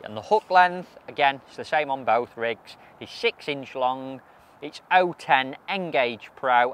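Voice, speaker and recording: A man's voice: on the high side, fairly bright tone, slight background noise. A man in his thirties, a match angler, chatting practically through fishing tips while seated outdoors by a lake.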